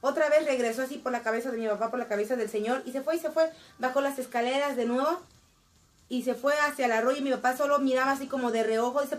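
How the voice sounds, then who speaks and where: A young woman, casually telling a family story to her viewers in an animated, direct way. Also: high voice. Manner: animated, addresses viewers directly, frequent restarts and fillers.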